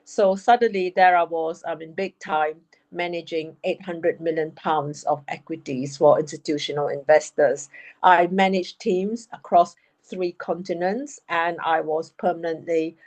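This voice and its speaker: A woman in her fifties, a panel guest telling her life story in a frank, brisk, self-deprecating way. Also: lowish voice, steady tone, a little mellow. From United Kingdom. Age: 50s. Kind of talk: candid storytelling.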